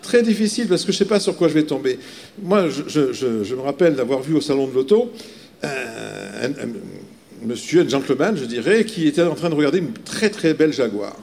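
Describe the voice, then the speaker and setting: A man's voice: medium pitch, expressive, fairly quick, creaky, darkish tone. A man giving a live seminar talk as a sales trainer, emphatic, repeating key words, with frequent fillers.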